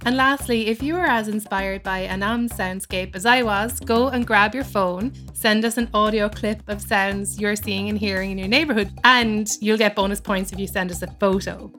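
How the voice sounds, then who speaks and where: A woman's voice: mid-range voice, fairly even intonation, moderate pace, hardly any pauses, a bit bright, soft background music. A woman with an Irish accent co-hosting a podcast, teasing and upbeat in casual chat and when reading the credits. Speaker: podcast co-host.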